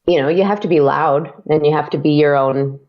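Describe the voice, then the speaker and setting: A young adult woman, a podcast creator and actor, chats casually as an interview guest, laughing often between fillers. She speaks fairly quickly in a low-pitched voice, and the recording has a dull lo-fi quality.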